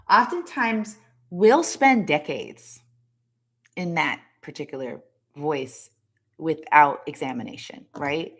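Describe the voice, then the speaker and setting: A woman's voice: fairly low pitch, a bit bright. A woman hosting a motivational talk, speaking emphatically to her listeners, repeating words and tagging lines with "right?". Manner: preachy, direct address to the audience. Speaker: host.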